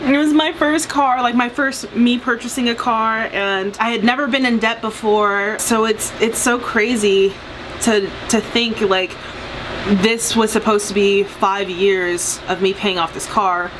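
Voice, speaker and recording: A woman's voice: fairly high pitch, unhurried. Chatty, giggly young woman over background noise. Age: late 20s. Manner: bubbly, giggly, informal. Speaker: vlogger and mukbang host. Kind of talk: casual chatty eating vlog.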